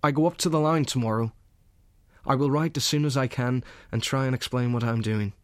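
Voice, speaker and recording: An actor giving a gentle, earnest reading as a young soldier writing love letters to his sweetheart from the front. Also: medium pitch, fairly even intonation, a little fast, no room sound, natural voice. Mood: tender. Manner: earnest, gentle, softly intimate.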